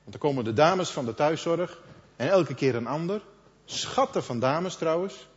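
A middle-aged man preaching a sermon in a conversational manner, quoting others in lively asides. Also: a little high, moderate pace. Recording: dull sound with long hall reverb.

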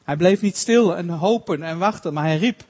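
A man with a high voice preaching a sermon in a space with a long, echoing reverb. He speaks earnestly and haltingly, restarting phrases often and slowing down for quoted scripture. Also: darkish tone.

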